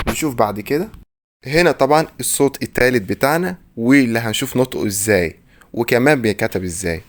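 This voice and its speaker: A man with an Egyptian Arabic accent teaching French pronunciation, drawing words out slowly and quizzing the listener. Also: mid-range voice. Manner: drills words slowly, asks the listener questions. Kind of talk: pronunciation lesson.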